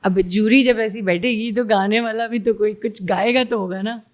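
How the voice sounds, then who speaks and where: A middle-aged woman with a Pakistani Urdu accent, a singer chatting casually as an interview guest, pausing often with fillers and slipping into English. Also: mid-range voice, steady tone. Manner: hesitant, many fillers, mixes in English.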